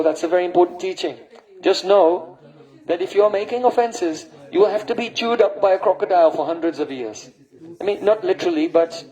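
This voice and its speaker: A man's voice: high-pitched, darkish tone, rough recording. A man, a spiritual teacher, giving a devotional lecture and often checking in with his listeners with a questioning "hmm?". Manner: breaks into sung and chanted verses.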